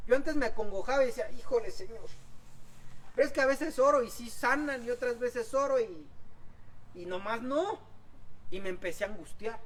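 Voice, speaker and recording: Impassioned preacher, heard from afar. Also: male voice, very high voice, moderate pace. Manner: impassioned preaching, swinging between loud exhortation and soft asides. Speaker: pastor. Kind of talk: sermon. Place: outdoor church service. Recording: distant mic with faint background noise.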